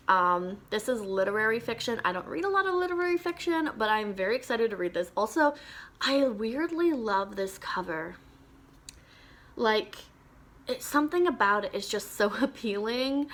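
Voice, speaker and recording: A young woman with a mid-range, slightly bright voice chats to the camera about her favorite books. It's a casual book recommendation vlog, and she's enthusiastic, full of ums and little laughs.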